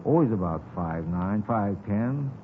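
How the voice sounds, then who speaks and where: In a 1950s radio drama, a man voices a folksy, chatty eyewitness to a street shooting, rambling on in colloquial phrases. His voice is fairly low and expressive, his pace unhurried, and his mood vague and relaxed. The recording is scratchy and thin, with narrow, tinny sound.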